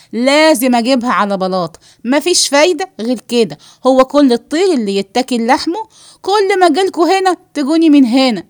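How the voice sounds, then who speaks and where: A woman voicing a brash, defiant young woman with an Egyptian accent, shouting and sharp-tongued in a read-aloud play. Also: sits high, no room sound, clean studio sound.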